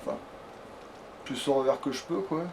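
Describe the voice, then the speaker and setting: This man speaks fairly quickly in a mid-range voice with lively intonation, playing a game for a let's play and thinking aloud. He's foul-mouthed and colloquial, frequently grumbling to himself, and the noisy home recording has clear background noise.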